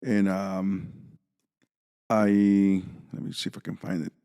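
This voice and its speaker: A man hosting a podcast in casual chat, halting, with many fillers and restarts. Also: low voice, completely flat delivery, mellow, smooth, long reverb tail. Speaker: podcast host.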